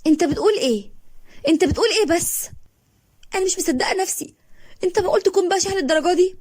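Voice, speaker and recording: A woman voicing a wronged young woman who grieves and speaks bitterly in Egyptian Arabic, her voice rising high in anguish. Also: racing, darkish tone, no room sound, studio quality, lightly acted. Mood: shocked, distraught.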